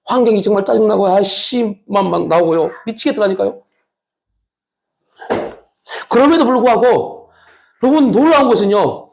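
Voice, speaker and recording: A man's voice: high-pitched, expressive, normal speed, gravelly, pauses often. A man preaching a sermon as pastor. He is emphatic, asks many rhetorical questions, and mixes frank, colloquial asides with exhortation.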